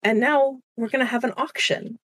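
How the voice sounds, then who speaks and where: A woman narrating as game master of a tabletop game, chatty and relaxed, with frequent fillers. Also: fairly high pitch, normal speed, no room sound, clean studio sound.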